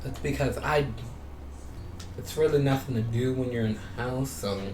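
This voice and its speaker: Picked up by a distant mic in a roomy space with constant background noise, this man talks at normal speed in a mid-range voice. He's a gaming YouTuber chatting casually, rambling, repeating himself, and occasionally reading in-game text aloud.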